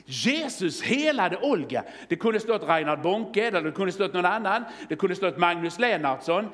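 A man's voice: high-pitched, a bit bright. A man preaching a sermon, telling a testimony story in a fervent, exclaiming way and calling out halleluja. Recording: long reverb of a church hall.

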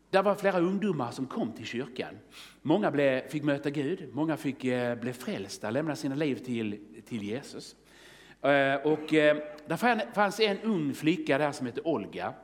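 A man preaching a sermon, telling a testimony story in a fervent, exclaiming way and calling out halleluja. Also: mid-range voice. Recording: long reverb of a church hall.

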